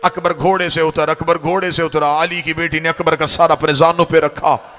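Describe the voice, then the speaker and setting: A man's voice: a little high, level tone, normal speed, fairly bright tone. A man, a cleric, recites a mourning sermon as impassioned, wailing storytelling that swells into cries at a mourning gathering. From Pakistan.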